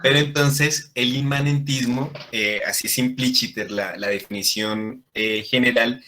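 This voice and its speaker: Guy teaching latin to a class, bright voice, keeps asking "right?". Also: medium pitch, fairly even intonation, measured pace. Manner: explanatory, checks in with frequent "¿sí?". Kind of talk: classroom lesson.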